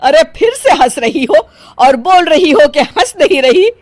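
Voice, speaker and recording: Touchy cartoon mother-in-law, scolding, lively pitch, voiced by a woman. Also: unhurried, a little hiss or hum. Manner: scolding and complaining. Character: fussy older mother-in-law, easily offended. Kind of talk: cartoon voice acting.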